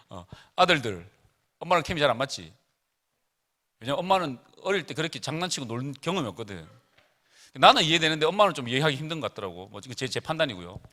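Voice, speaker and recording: A man's voice: fairly high pitch, pushed and bright. A middle-aged man preaching casually to teenagers at a retreat, chatty and joking as he tells family stories.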